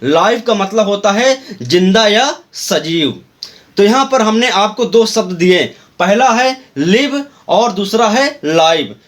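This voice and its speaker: High-voiced man teaching grammar slowly. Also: lively intonation, fairly bright tone. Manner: slow, spells words out letter by letter; repeats and rephrases each point. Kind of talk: explanatory video lesson.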